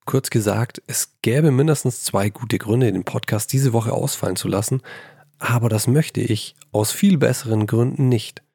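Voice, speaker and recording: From his old childhood bedroom at his mother's house, a man hosts a solo writing podcast into a handheld mic, chatty and self-deprecating despite being slightly hoarse from a cold. His mid-range voice has a darkish tone at normal speed, and the sound is clean and studio-like with no echo.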